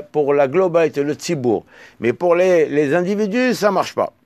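Male Torah teacher, slightly high voice, dry recording, reads texts slowly, explains with restarts. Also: a little mellow, no echo. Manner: halting, repeats and restarts words while explaining; slows down to read out texts. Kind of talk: Talmud lesson, reading Hebrew and Aramaic then explaining in French.

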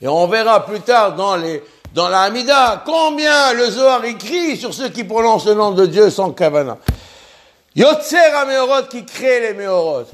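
Guy giving an impassioned religious lesson, high voice, keeps repeating himself. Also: big pitch swings, a bit bright. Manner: impassioned, repeats himself, stumbles and restarts words; sounds out Hebrew syllables slowly. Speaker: rabbi teaching on prayer.

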